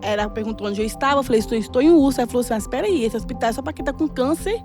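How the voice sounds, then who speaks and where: A middle-aged woman telling a personal testimony in a casual, animated way and acting out the dialogue. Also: a little high, rapid-fire, over music. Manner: animated, laughing often, acts out dialogue. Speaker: church guest sharing a testimony.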